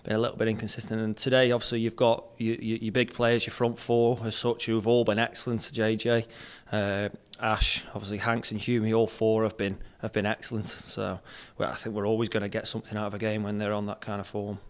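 This football club captain is a young man whose voice sits fairly low, level and clean. Holding the mic close in front of an indoor sponsor board, he gives a plain, measured post-match interview, circling back over words while he gathers his thoughts.

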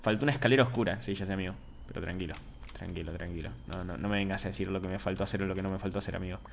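A young man with an Argentine accent chatting casually on a gaming stream, joking with viewers and swinging from low mumbles to shouts. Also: steady tone, rapid-fire, slight background noise. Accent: Argentine Spanish. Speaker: Minecraft streamer.

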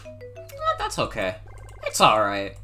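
A mid-pitched, androgynous game streamer with lively, swooping delivery. The voice is bright and forceful, exclamatory and casual, talking to viewers with faint music behind. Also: unhurried. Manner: animated, exclamatory, casual swearing. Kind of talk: casual live-stream chat and game commentary.

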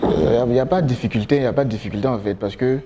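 A young man with an Ivorian French accent, a gospel rapper answering interview questions in a relaxed way, often pausing with fillers. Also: medium pitch. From Côte d'Ivoire. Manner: relaxed, gestures a lot while talking, frequent fillers. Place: studio with branded backdrop, seated.

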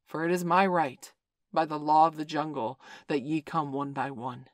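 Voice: mid-range voice, steady tone, moderate pace, dry recording, studio quality, natural voice. A reader voicing an old, proud male wolf leader who speaks formally and defiantly in a storybook read-aloud. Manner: formal, challenging, old-fashioned speech.

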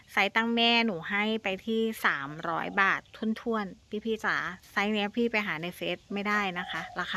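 A plant seller gives her viewers a casual, chatty, coaxing sales pitch, sweetly calling them elder siblings and playfully repeating words for emphasis. Her voice is pushed and bright, with a little hiss or hum in the recording.

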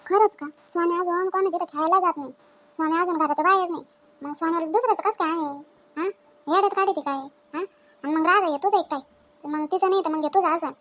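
A middle-aged woman with a very high voice, playing a scolding mother-in-law in a home drama. She fires off demanding questions at a fast clip. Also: a bit bright. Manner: scolding, demanding, quick-tempered.

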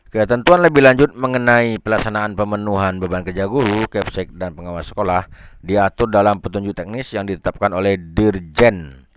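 A man's voice: low-pitched, fairly bright tone, slight background noise. A man, a teacher, reads a regulation clause by clause aloud and adds casual spoken asides to explain it.

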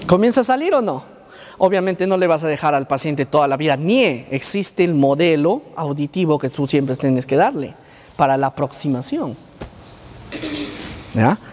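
A man's voice: on the high side, animated, moderate pace, darkish tone, a little hiss or hum. A man, a speech therapist, lecturing to students, questioning the audience and sounding out speech sounds as examples. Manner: quizzes the audience and demonstrates speech sounds aloud. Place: university lecture hall. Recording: reverberant lecture hall.

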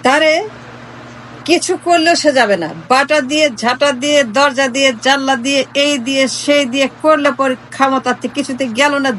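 A woman's voice: high voice, slight background noise, poor audio. A woman from Bangladesh giving an impassioned, sarcastic political monologue, repeating and chanting her phrases. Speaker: political commentator.

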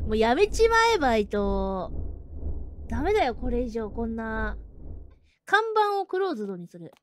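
A woman streaming a horror game, talking bluntly and roughly, laughing often and shouting at the scares. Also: on the high side, big pitch swings, normal speed, long pauses, slight background noise. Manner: rough, blunt casual talk with frequent laughter; bursts into loud shouting at scares. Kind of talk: live horror game commentary.

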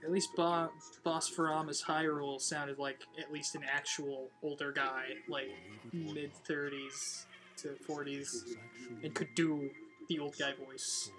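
A woman's voice: deep voice, fairly even intonation, measured pace, music in the background, low-quality recording. A woman giving casual, wry commentary while playing a video game. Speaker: player commentating a game playthrough.

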